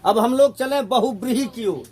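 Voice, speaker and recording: A man's voice: very high-pitched, moderate pace, a little mellow. A man teaching a grammar class, who keeps asking his students questions and drilling the same points again and again.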